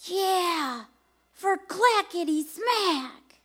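Five-year-old girl, very high, eager kid chatter, slow delivery, radio comedy. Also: animated, a bit bright, heavily acted. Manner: eager, wide-eyed kid talk. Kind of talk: live comedy radio play.

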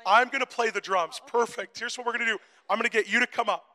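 A man preaching a sermon in short phrases for an interpreter, building to shouted crescendos. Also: very high-pitched, brisk. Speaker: guest preacher. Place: church hall. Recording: echoey church hall reverb.

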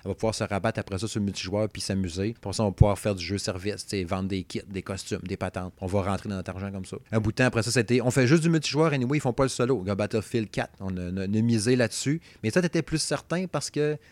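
A man's voice: lowish voice, fast talker, few pauses, a little mellow, dry recording. A man with a Québécois French accent, hosting a casual video game podcast and rambling chattily with lots of fillers. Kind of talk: casual chat.

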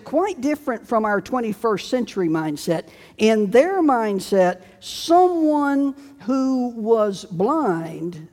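A male pastor delivers a sermon at an unhurried, measured pace. His voice rings with the long reverb of a large church sanctuary. He tells the story deliberately, pausing between phrases. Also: high-pitched. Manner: storytelling, slow and deliberate with dramatic quoted shouts.

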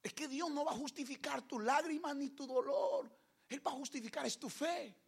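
A man's voice: very high-pitched, normal speed, creaky. A man preaching a fervent sermon full of emphatic rhetorical questions.

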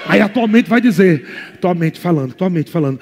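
A Brazilian man preaching a fervent sermon as pastor, moving between quiet asides and shouted exhortations. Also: high-pitched, expressive, fairly quick, big-room sound, slight background noise. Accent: Brazilian Portuguese.

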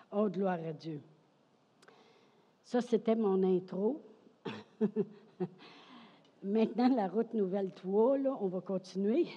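A woman's voice: medium pitch, warm tone, slightly rough. A woman pastor with a Québécois French accent preaching an emphatic sermon, often asking "OK?" and saying "Amen". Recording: dull sound with long hall reverb.

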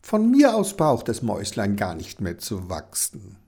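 A man's voice: lowish voice, huge pitch swings, unhurried, darkish tone, slightly rough, full character voice. A man voicing a caring, stubborn young girl in a children's storybook, in a raised, sweet voice. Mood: worried.

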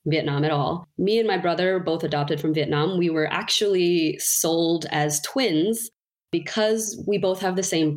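Candid woman guest, lowish voice. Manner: casual and candid. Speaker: podcast guest. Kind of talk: personal storytelling interview.

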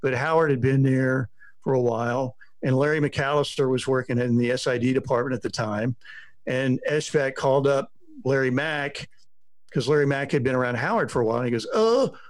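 A man's voice: mid-range voice, moderate pace, a little mellow, no echo. A middle-aged man, a sports reporter, telling rambling stories on a podcast and acting out what people said. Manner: rambling storyteller, acts out quotes. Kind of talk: casual podcast chat.

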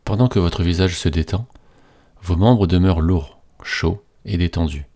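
A man with a low-pitched, dark-toned voice reads a scripted guided relaxation. His delivery is slow, soothing, and hypnotist-like, full of repetitive phrasing.

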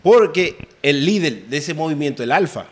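A man talks as a podcast guest in a somewhat high voice. He explains things emphatically and at length. It is casual, unscripted conversation. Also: lively intonation, moderate pace, crowd noise. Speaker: guest artist.

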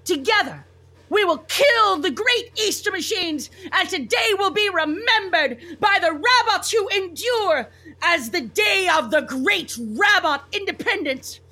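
A woman's voice: very high-pitched, expressive, unhurried, bright, forceful tone, exaggerated voice. A woman voicing a fanatical robot rabbit rebel leader, ranting grandly and cackling like a maniac. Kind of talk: cartoon voice acting.

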